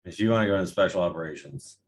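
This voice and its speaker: A man's voice: low-pitched, racing, slightly rough. A man hosting a veterans' podcast, talking casually, swearing a lot, emphatic and heated. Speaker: podcast host. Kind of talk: casual profane chat.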